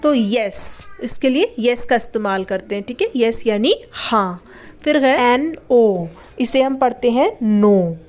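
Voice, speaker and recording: A woman's voice: on the high side, animated, slow, a little mellow. Patient woman teaching word by word. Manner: patient, spells words letter by letter, asks and answers own questions. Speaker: English teacher. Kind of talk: spoken language lesson.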